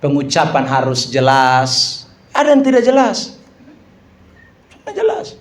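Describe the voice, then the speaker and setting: A man, a pastor teaching how to preach, animated and joking as he acts out examples. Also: a little high, measured pace. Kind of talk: lively teaching talk to an audience. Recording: echoey room, faint background ambience.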